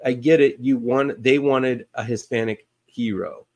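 A man's voice: mid-range voice, fairly even intonation, measured pace. A man co-hosting a podcast, chatting casually about comic book movies and rambling with many fillers and restarts. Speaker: podcast co-host.

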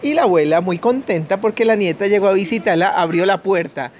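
A man from Colombia reading a fairy tale aloud to children at home in a gentle, measured storytelling manner, with a few small restarts. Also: high-pitched, slight background noise. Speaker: family storyteller.

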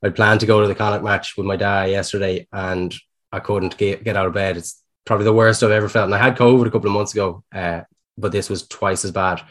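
A man's voice: fairly low pitch, fairly even intonation, fast talker, a bit bright. An Irish man co-hosting a podcast in casual, self-deprecating, sweary chat. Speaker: podcast co-host.

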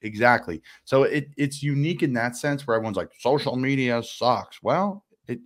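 A man in his twenties hosting a casual interview, talking with enthusiasm and quick asides. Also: mid-range voice, animated. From United States. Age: 20s. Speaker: podcast host.

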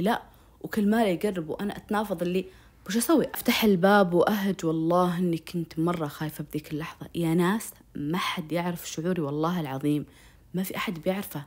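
A woman's voice: on the low side, darkish tone. A young woman tells a dramatic personal story to her viewers, emotional and full of oaths and direct appeals.

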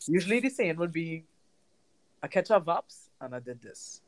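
A woman's voice: fairly low pitch, big pitch swings, normal speed. A woman co-hosting a podcast, talking bluntly and expressively in casual chat. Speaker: podcast co-host.

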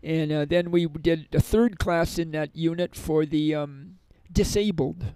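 A middle-aged man telling long, rambling stories about teaching in prisons. His voice is gravelly and sits a little high, and he keeps restarting his sentences. The recording is dry and close, with no room echo. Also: unhurried, warm tone. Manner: rambling, with many restarts and fillers. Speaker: prison yoga and meditation teacher. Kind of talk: conversational storytelling interview.

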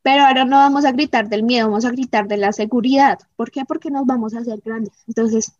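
A woman gives an emphatic motivational talk to viewers, often checking in with quick "¿sí?" and "¿mm?" asides. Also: a little high, steady tone, dry recording, muffled recording. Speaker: motivational speaker.

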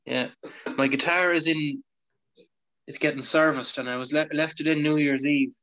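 Over a dull, low-fidelity online call comes an Irish man with a fairly high voice for a male. He talks in loose, colloquial banter and swears freely, like a co-host chatting with friends. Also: steady tone, normal speed, sharp tone. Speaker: podcast co-host.

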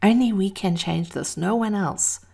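A woman speaking intimately in a breathy voice, at times near a whisper, as host of a motivational monologue. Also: medium pitch, measured pace, mellow. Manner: intimate, addressing listeners as darling. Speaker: host of a daily encouragement series.

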